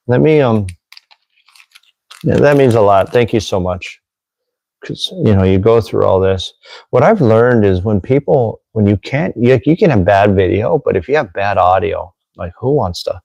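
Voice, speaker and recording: A man's voice: lowish voice, creaky, darkish tone, no echo, poor audio. A man hosting a casual livestream, chatty and self-deprecating, sorting out his microphone and then reading from a military handbook. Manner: chatty and self-deprecating, fiddling with audio gear. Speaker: host, former Marine Corps religious lay leader. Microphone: desk microphone with gain control. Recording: dry, close, slightly clipping mic.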